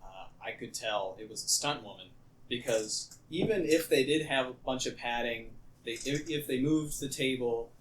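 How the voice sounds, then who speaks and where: A man with an everyday mid-range voice co-hosts a casual podcast. He delivers dry, deadpan remarks and talks through scenes in an easy, conversational way. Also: mid-range voice, moderate pace, slight background noise. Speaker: podcast co-host. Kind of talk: casual chat.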